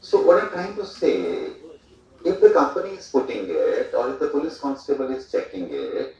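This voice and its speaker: A man's voice: mid-range voice, wildly swooping pitch, moderate pace, a little mellow. A man from India giving a conversational speech at a port event, with fillers and asides. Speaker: speaker at a port day event. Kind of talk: public speech with anecdotes. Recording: echoey hall, voice from far off, dull sound.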